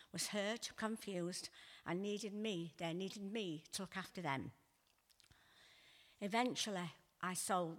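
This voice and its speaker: An older woman tells her own life story in a halting, emotional way. She restarts her sentences and sighs as she goes. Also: on the low side, fairly bright tone. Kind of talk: personal testimony.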